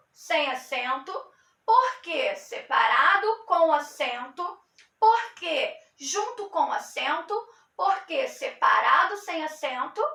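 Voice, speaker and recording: A woman teacher gives a review lesson to children, slowly stretching out syllables and answering her own questions. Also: very high-pitched, sharp tone, roomy sound. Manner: slow, clearly paced, stretching out syllables; asks questions, then answers them.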